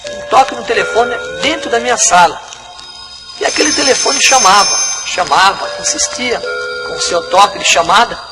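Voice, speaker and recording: Male pastor, high-pitched testimony, music under him. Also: low-quality recording. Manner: repetitive, dramatic retelling. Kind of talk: religious testimony.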